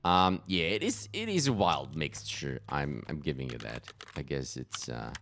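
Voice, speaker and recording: This German-accented young streamer has a rumbling low, creaky, slightly bright voice and sounds very animated at a normal pace over slight background noise. While playing, he rambles through casual commentary, laughs to himself, and responds to chat messages.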